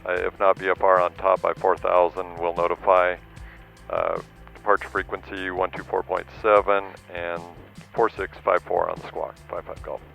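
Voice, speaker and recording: A very deep, gravelly male voice making pilot radio calls to air traffic control. He talks in clipped radio phraseology through an aviation headset. The cockpit audio is dull and muffled, with faint music underneath. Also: little pitch movement, moderate pace, a bit bright.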